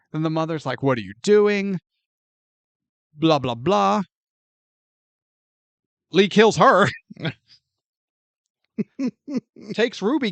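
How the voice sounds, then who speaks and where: A man co-hosting a podcast, recapping a film plot in an animated, profane, incredulous way. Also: fairly high pitch, no echo. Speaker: podcast co-host. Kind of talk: casual movie review chat.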